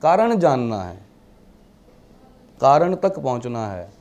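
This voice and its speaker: A man's voice: medium pitch, sing-song, takes it slowly, darkish tone, lo-fi sound. A man teaching a class, mixing English terms into his Hindi and asking the class rhetorical questions. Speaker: vastu teacher. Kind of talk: classroom lecture.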